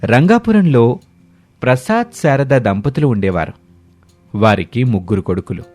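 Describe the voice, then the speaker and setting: A man narrating a scripted animated family story in a steady storytelling manner. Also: mid-range voice, normal speed, soft background music.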